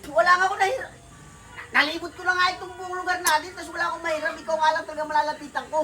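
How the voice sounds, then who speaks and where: A woman's voice: very high-pitched, little pitch movement, racing, sharp tone, distant mic. A woman playing a broke woman who begs to borrow money, in a comedy skit. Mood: pleading. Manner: pleading, insistent. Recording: noisy outdoor take, mic from afar.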